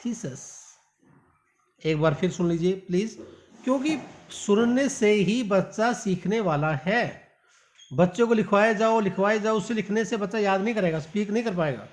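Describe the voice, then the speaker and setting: A man's voice: high voice, low-quality recording. A man teaching English pronunciation, stretching out example sentences word by word and calling his learners "my dear". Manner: slow, drawn-out reading of example sentences. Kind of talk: spoken English lesson.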